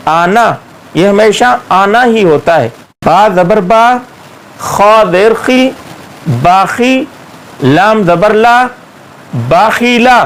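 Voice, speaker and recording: Male teacher, high register, unhurried delivery, patient syllable-by-syllable drilling. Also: expressive, a bit bright, low-quality recording. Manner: patient, drawn-out syllable-by-syllable spelling. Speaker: Quran reading teacher. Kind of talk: slow step-by-step recitation lesson.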